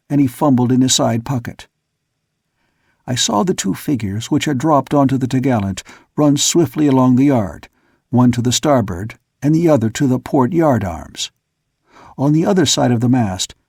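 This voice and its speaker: A man narrating an audiobook in a steady storytelling manner. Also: mid-range voice, vocal fry, slightly rough, no room sound, studio quality. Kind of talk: scripted narration.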